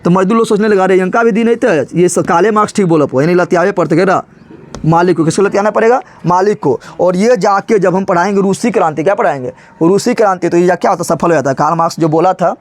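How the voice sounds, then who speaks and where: With a high-pitched voice and a quick pace, a male teacher delivers an animated history lecture. He keeps it colloquial and joking, poses rhetorical questions, repeats key terms, and slips into regional dialect.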